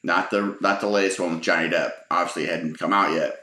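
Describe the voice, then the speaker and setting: A man's voice: deep voice, steady tone, fast talker, sharp tone. A middle-aged man telling humorous stories from his life in a rambling, casual way, with lots of fillers and chuckles. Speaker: storyteller. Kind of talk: casual spoken storytelling. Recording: roomy echo.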